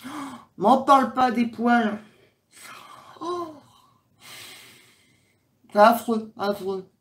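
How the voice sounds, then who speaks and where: A French woman hosts a livestream, chatting casually with viewers and reading their comments as she rambles with lots of fillers. Her voice is fairly high with lively intonation, and she speaks very slowly.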